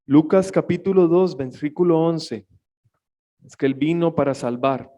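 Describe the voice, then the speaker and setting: A man preaching a sermon as pastor, swinging between hushed, emotional passages and shouted pleas. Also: a little high, a little slow. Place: church.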